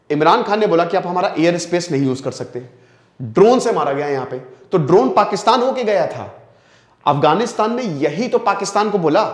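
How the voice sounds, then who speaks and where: Man, lecture teacher, conversational, rhetorical questions, higher voice, echoey room. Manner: conversational, rhetorical questions, frequent "dekhiye" and "theek hai". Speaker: current affairs teacher. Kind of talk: explanatory exam-prep lecture.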